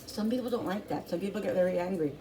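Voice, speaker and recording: A woman's voice: mid-range voice, fast talker, warm tone, slight background noise. A middle-aged woman hosting a home cooking channel, chatting casually as she cooks, rambling with lots of restarts. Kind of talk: casual chat while cooking.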